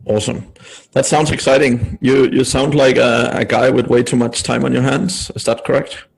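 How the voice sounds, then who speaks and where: A man's voice: mid-range voice, fairly even intonation, moderate pace, vocal fry, slight background noise, rough recording. A man hosting a business podcast, asking loose, rambling questions with a joking streak. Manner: jokey, asks rambling questions. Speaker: podcast host. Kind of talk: casual interview.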